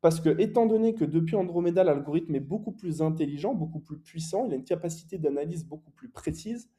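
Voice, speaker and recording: A man's voice: on the high side, animated, quick pace, warm tone. A young man teaching online advertising in a casual, explanatory way, with frequent fillers and self-corrections. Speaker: e-commerce ads coach.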